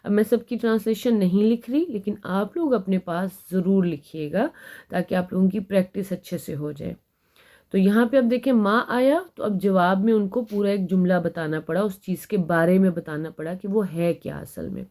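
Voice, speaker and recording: A woman with a mellow, mid-range voice teaches an Arabic grammar lesson. She explains patiently, reading example sentences slowly before translating them.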